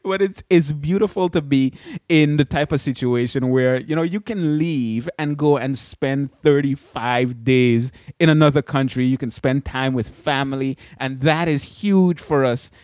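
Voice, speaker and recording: A man's voice: medium pitch, measured pace, darkish tone, no room sound, studio quality. A man from the Caribbean hosting a podcast in a casual, chatty way with frequent restarts and asides. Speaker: podcast host. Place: indoors away from his studio.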